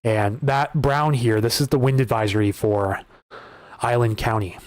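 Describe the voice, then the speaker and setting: On a live weather broadcast, a man talks casually about wind readings and questions from viewers, restarting and repeating words as he goes. He speaks at a measured pace in a mid-range voice that's growing hoarse, with no room sound.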